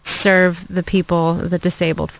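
A woman from Ecuador, a charity development officer, answering interview questions earnestly with frequent "uh" and "um" pauses. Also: on the low side, flat delivery, vocal fry, no room sound, poor audio. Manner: earnest, many fillers and restarts.

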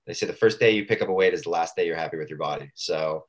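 Low-voiced man chatting casually as a guest. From Southern California. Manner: informal, rambling, halting phrasing. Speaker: radio show guest, fitness coach. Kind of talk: casual interview chat.

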